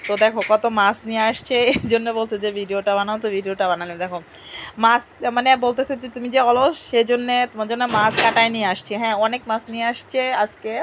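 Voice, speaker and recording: Sorting groceries at home, a Bangladeshi home vlogger talks chattily to her audience, treating them as friends. Her voice sits on the high side with a slightly bright tone. A little hiss or hum is audible.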